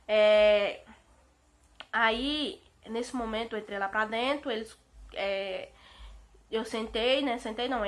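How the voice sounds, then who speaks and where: Animated young Brazilian woman telling a story. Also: fairly high pitch. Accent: Brazilian Portuguese. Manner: chatty, keeps saying "gente" to viewers; animated retelling with emotional outbursts. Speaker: vlogger. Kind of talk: casual storytelling vlog.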